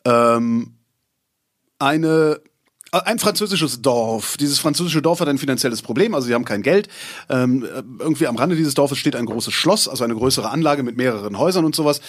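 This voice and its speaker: A man speaks on a podcast in a mid-pitched voice with a husky grain. He sums things up in a dry, wry way, with halting fillers along the way. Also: lively intonation. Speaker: podcast co-host. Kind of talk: casual chat, summarizing a series.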